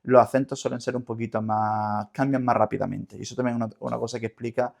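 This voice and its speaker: A linguist guest in an interview, this man speaks with an Andalusian Spanish accent and explains things in a didactic way, often repeating words while hunting for the next one. His voice is medium in pitch and steady, slightly mellow and creaky, and he talks quickly.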